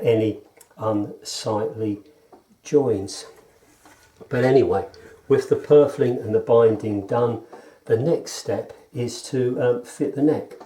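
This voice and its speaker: A man, a guitar maker, explaining his work in a halting, measured, informal way while demonstrating in a workshop. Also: medium pitch, dark tone. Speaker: guitar maker presenting own build. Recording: roomy, echoing workshop sound.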